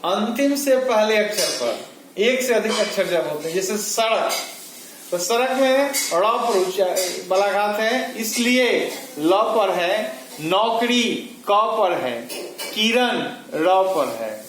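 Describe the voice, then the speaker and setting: A man with a fairly high voice teaches a grammar lesson at an unhurried pace, going over each definition twice. He is recorded in an echoey room with faint noise behind him. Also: lively intonation. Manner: slow, deliberate, repeats definitions for students.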